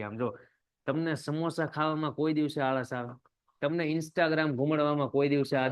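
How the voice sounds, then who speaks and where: A young man, teaching a poem in a live online class. He switches between loud emphasis and low asides and talks to viewers in the chat. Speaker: English teacher.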